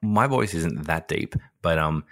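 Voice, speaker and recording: A man's voice: a bass voice, lively intonation, unhurried. A man co-hosting a podcast in casual chat, chatty and laughing often. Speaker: podcast co-host.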